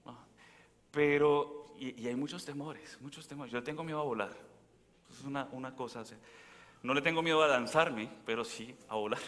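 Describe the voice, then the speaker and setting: A man's voice: mid-range voice, normal speed, a bit bright. A man, a priest, giving a sermon in a conversational way, telling stories and asking the congregation questions. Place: large church. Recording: long church reverb.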